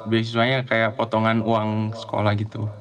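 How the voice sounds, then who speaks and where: A man's voice: lowish voice, monotone, moderate pace, crowd noise. A young man from Central Java talking as a guest on a remote call, friendly and a little hesitant, with many fillers. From Central Java, Indonesia. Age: young adult. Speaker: guest, student abroad. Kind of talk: casual chat over a video call.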